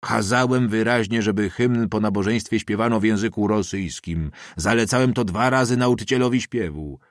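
Mężczyzna czytający głosem wyniosłego, rozkazującego inspektora szkolnego, oburzonego i apodyktycznego. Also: male voice, on the low side, normal speed, no echo, studio quality, lightly acted. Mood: indignant. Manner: haughty, commanding, indignant. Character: pompous, irate male school inspector, official.

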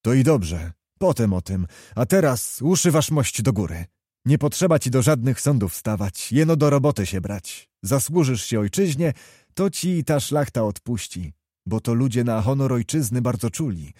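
A man reading the part of a seasoned officer who speaks in a measured, moralizing, steady way. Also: medium pitch, dry recording, studio quality. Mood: admonishing. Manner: measured, admonishing. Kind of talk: audiobook character reading.

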